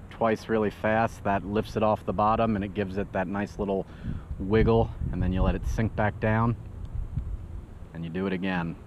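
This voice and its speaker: A man hosting his fishing channel, talking casually outdoors by a lake while he fishes, rambling with lots of "uh" and restarts. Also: sits low. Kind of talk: casual first-person fishing commentary. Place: outdoors at a windy lake shore. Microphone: head-mounted action camera. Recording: dull lo-fi action camera audio with wind noise.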